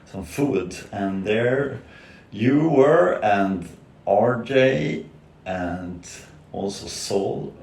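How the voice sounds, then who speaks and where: A man's voice: fairly low pitch, animated, drawn-out words, a little mellow. A man from Sweden, a nervous, hesitant podcast guest who uses many fillers, speaking over a video call. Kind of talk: casual conversational interview. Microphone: video call camera. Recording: echoey room with faint noise.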